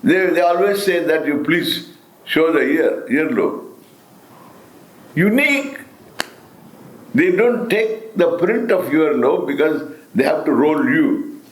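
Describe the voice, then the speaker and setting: Slow Indian man teaching, swooping pitch. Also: lively intonation. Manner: deliberate, emphatic, with repetition and rhetorical questions. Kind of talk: spiritual discourse. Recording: roomy, echoing sound.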